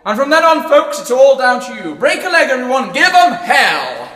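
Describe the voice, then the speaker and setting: Bright, sharp stage manager calling cues, slow, echoey hall. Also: male voice, very high voice, sing-song, far from the mic, exaggerated voice. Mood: brisk. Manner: clipped, calling out countdowns. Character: brisk backstage stage manager.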